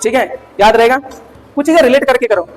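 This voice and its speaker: High-voiced guy teaching grammar, keeps asking the class questions, echoey hall. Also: fairly quick, faint music behind. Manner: animated, quizzing students with rhetorical questions and jokes. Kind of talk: classroom lecture. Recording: hall reverb.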